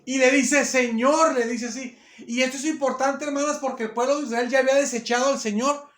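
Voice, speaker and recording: Guy preaching a sermon, really high voice, echoey church room, gets fired up. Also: fairly even intonation, fast, a bit bright. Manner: fervent, repetitive, addresses the sisters. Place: church hall.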